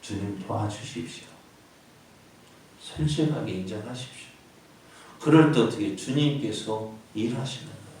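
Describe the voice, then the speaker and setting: A man's voice: lowish voice, moderate pace, long pauses, darkish tone, very echoey, far from the mic, slight background noise, rough recording. A man preaching a sermon as pastor, often asking the congregation questions and answering them himself. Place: church sanctuary.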